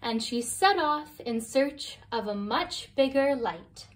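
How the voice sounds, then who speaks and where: A woman reading a children's picture book aloud as a bedtime story, slow and expressive, her voice a bit distant from the mic. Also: high voice. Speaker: storybook reader.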